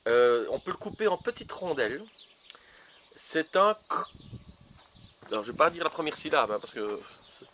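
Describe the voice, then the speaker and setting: A man's voice: a little high, big pitch swings, moderate pace, long pauses, fairly bright tone, a little hiss or hum. A man in his outdoor garden, planting seedlings and teasing kids to guess each vegetable, with lots of fillers. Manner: playful, teasing guessing games, many fillers. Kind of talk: casual gardening show for children.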